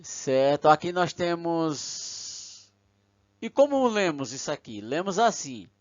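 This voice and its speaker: A man's voice: on the high side, very animated, slow, no room sound. A man, lecturing patiently step by step and often checking in with his listeners. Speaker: teacher. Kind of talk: recorded lecture. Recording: dull lo-fi recording.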